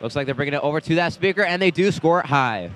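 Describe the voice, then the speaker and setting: A man announcing a robotics competition, giving steady live play-by-play of team numbers and scores at the event venue. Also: a little high, fast, clear, resonant tone. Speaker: match announcer.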